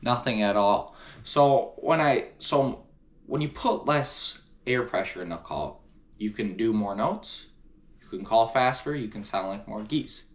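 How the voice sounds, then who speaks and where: A man's voice: on the low side, expressive, unhurried. A man talking casually to camera as he reviews hunting gear, enthusiastic and repeating words for emphasis.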